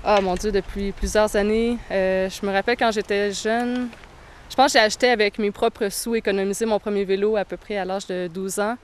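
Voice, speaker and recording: Smooth-voiced Québécoise cyclist, hesitant. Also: female voice, medium pitch, little pitch movement. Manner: thoughtful, hesitant, many pauses. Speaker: touring cyclist interviewee. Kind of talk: casual interview answers.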